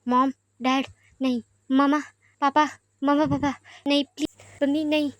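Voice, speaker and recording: A woman's voice: sits high, moderate pace, no room sound, lightly acted. Woman voicing a pouty, whiny young man. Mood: frightened. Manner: childish whining refusals.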